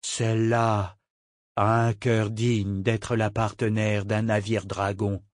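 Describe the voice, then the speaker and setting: A man voicing a stern commanding officer with a measured delivery. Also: fairly low pitch, little pitch movement, no room sound, studio quality. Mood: stern approval. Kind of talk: audiobook character voice.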